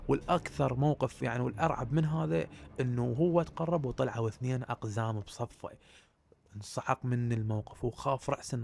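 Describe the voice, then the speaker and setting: A man with a Baghdad Iraqi accent tells a spooky desert tale at a quick clip. His voice is gravelly with a lot of vocal fry. He talks straight to his listeners and keeps the tension building. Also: medium pitch, a little mellow. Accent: Iraqi Arabic, Baghdad. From Iraq. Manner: addresses listeners directly, builds suspense. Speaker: storyteller. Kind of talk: casual spoken horror storytelling.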